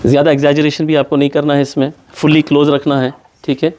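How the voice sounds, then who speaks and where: A man's voice: a little high, flat delivery, a little mellow, a little hiss or hum. A man teaching Quran pronunciation in a classroom, patiently repeating sounds over and over to demonstrate them.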